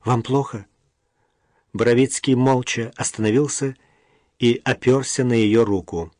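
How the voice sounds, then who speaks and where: A man narrating an audiobook in a steady, even storytelling manner. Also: mid-range voice, normal speed, dry recording, studio quality.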